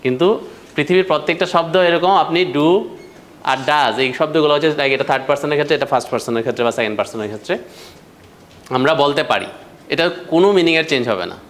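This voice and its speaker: A man's voice: on the high side, quick pace. A man teaching a grammar class, explaining step by step and asking the students questions. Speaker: English teacher.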